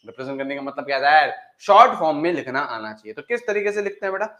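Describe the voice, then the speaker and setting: A man with a slightly high voice teaches a chemistry class. He banters with his students, keeps asking them questions, and repeats each point again and again. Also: animated, fast, fairly bright tone. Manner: bantering, repetitive, calls students "beta", asks and answers own questions. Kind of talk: live online class lecture.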